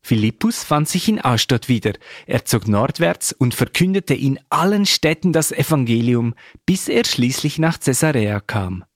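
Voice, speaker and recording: Man reading scripture, steady and measured, dry close sound. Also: mid-range voice, no echo. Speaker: scripture reader.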